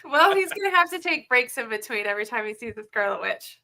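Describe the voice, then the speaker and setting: A woman's voice: fairly high pitch, very animated, quick pace, noisy background. A congested-sounding woman co-hosting a casual chat in a wry, teasing manner. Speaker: show co-host.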